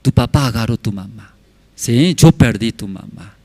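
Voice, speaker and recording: A man's voice: medium pitch, normal speed, mellow, no echo, close to an everyday voice. A man voicing a chatty head of state reminiscing jovially.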